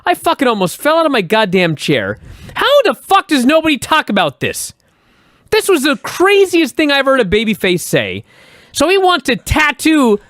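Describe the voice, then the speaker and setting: A man's voice: extremely high pitch, moderate pace, dry recording. Guy on a podcast swearing his way through a wrestling recap, voice jumps all over, dry sound. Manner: animated, profane, acts out quotes. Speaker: podcast host.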